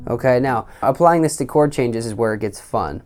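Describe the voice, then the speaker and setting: Careful, unhurried man teaching guitar. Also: medium pitch. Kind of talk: instructional guitar lesson. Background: acoustic or electric guitar playing.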